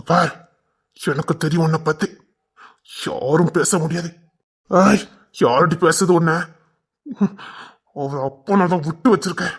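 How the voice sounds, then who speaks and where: A young man, acting a protective, hot-tempered village lover who teases his girl. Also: on the high side. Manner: rough, protective, teasing. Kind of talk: web series drama acting.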